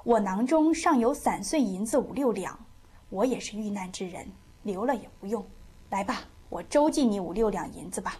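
A woman's voice: medium pitch, animated, moderate pace, mellow, slightly rough. A woman storyteller voicing a desperate, indignant middle-aged man who grumbles about being wronged. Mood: aggrieved. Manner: grumbling, aggrieved.

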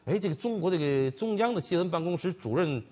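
A man co-hosts a political chat show and retells events quickly. He restarts often and fills gaps with hesitations. His slightly husky voice rises and falls in a lively way. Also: sits high. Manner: rambling retelling with many restarts and fillers. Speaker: co-host, commentator.

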